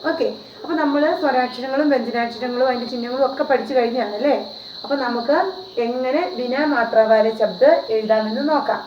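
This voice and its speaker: A Hindi teacher with a slightly high, steady voice delivers a classroom-style video lesson at a slightly fast clip. She is patient, repeats herself, and keeps asking her viewers rhetorical questions. The audio sounds roomy and dull, with a faint hiss underneath.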